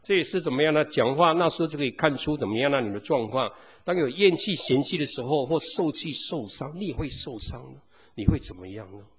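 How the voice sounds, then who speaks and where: Husky-voiced preacher man in reverberant hall. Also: mid-range voice, lively intonation, quick pace. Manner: constantly asks the congregation rhetorical questions. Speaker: pastor. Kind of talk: sermon.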